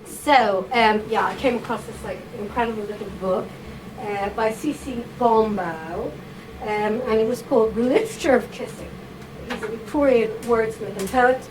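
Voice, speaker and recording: At a writers' salon, a woman with a fairly high voice reads a passage aloud at a moderate pace, playfully directing two volunteers while laughing and coaxing them. The live event room has an audience, and the recording is noisy.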